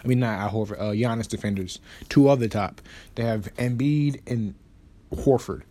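A man hosting a casual basketball podcast, rambling with lots of fillers and restarts, and quick in delivery. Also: medium pitch, mellow. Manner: talks fast, says so himself. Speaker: podcast host. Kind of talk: casual sports podcast talk.

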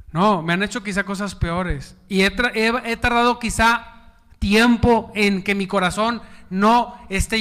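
A man preaching a sermon with call and response, animated, acting out dialogue and dropping to hushed tones. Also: very high voice. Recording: long hall reverb.

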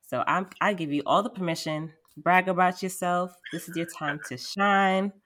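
Low-voiced young woman hosting a podcast. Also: moderate pace, a bit bright. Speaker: podcast host.

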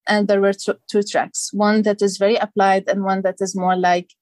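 A woman's voice: medium pitch, level tone, moderate pace, darkish tone, no room sound. A young woman from Lebanon, a guest on an interview podcast, explaining her studies thoughtfully with many fillers. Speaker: guest, PhD candidate. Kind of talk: casual interview.

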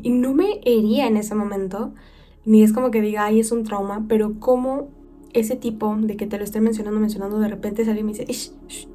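Chatty Mexican woman hosting a podcast. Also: medium pitch. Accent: Mexican Spanish. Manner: chatty, warm-hearted advice with playful quoted voices. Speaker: podcast host. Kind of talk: casual self-care podcast monologue.

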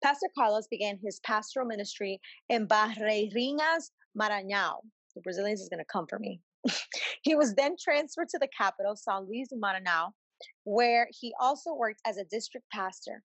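A woman's voice: mid-range voice, moderate pace, a bit bright, no echo. A woman co-hosting a podcast with casual, slangy, playful banter, sometimes reading aloud. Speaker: podcast co-host.

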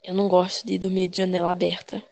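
A young woman with a Brazilian accent, a podcast co-host telling scary stories in casual chat, animated and full of slang, repeating words as she goes. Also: lowish voice, quick pace, gravelly, dry recording. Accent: Brazilian Portuguese.

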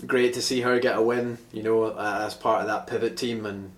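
A man's voice: on the low side, fairly even intonation, moderate pace. A man co-hosting a podcast, chatting casually about sport. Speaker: podcast co-host. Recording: echoey room, distant mic.

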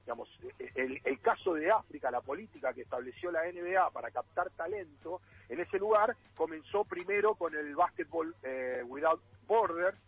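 A man's voice: fairly high pitch, expressive, moderate pace, few pauses, slightly rough, no echo. A man with an Argentine accent, a radio sports columnist explaining things in a panel talk, with many fillers and restarts. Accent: Argentine Spanish. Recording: muffled, phone-like line.

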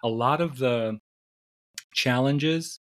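A man's voice: mid-range voice, slow pace, a bit bright. A middle-aged man born in the Dominican Republic and raised in New York City, a guest in an interview, talking thoughtfully with many restarts and repeated words. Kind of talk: conversational interview.

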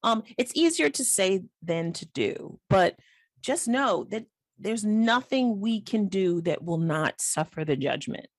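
A woman in her late forties speaks in a relaxed, casual chat with a voice of middle pitch. Her delivery is emphatic and encouraging, and she laughs often. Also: a little slow. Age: 40s.

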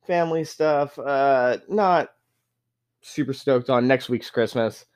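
A young man from California hosts his own casual podcast in a plain, mid-pitched voice. He rambles from thought to thought, swears freely and gets excitable, with his pitch jumping up when something worked him up. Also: slow pace, clean tone. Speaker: podcast host. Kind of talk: casual solo podcast chat.

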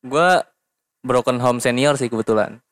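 A man, a podcast guest in casual chat who drops deadpan jokes in slang. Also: medium pitch, normal speed. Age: 20s.

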